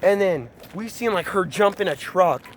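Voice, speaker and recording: A man casually telling a scary story to friends while walking outdoors through a neighborhood, rambling and animated. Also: high voice, moderate pace, slight background noise.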